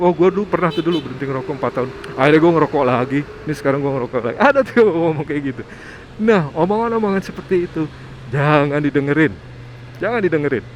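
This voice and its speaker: Middle-aged man, rapid chatty delivery, faint street noise behind. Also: medium pitch, rough recording. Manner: chatty, asks himself rhetorical questions. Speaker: vlogger. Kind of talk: casual advice talk.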